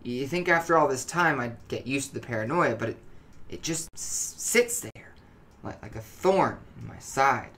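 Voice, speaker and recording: A narrator voicing an agitated, paranoid male test subject in a horror story, halting and stammering over repeated words. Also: mid-range voice, lively intonation, fairly bright tone. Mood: anxious, strained.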